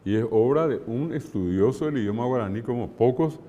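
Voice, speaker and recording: A man from Paraguay giving an unhurried online lecture as a language teacher, often slipping in Guaraní phrases and checking in with "¿verdad?". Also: mid-range voice, animated, mellow, big-room sound, highs cut off, a little hiss or hum. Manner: unhurried, lists places, mixes in Guaraní phrases, asks "¿verdad?".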